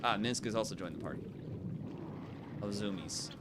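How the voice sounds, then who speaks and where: A man's voice: lowish voice, moderate pace. A man giving casual commentary as he plays a video game. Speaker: gameplay host. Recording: loud ambient game noise behind.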